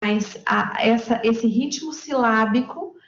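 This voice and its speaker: A woman giving an academic lecture over a video call, speaking in a measured and technical way. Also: on the high side. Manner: measured, technical, adds points to a colleague's talk. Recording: echoey, muffled online call audio.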